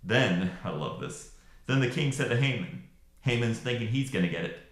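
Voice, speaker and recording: A man preaching a sermon, telling scripture stories with dramatic pauses and rising emphasis. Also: mid-range voice, roomy sound. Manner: expressive storytelling with dramatic pauses.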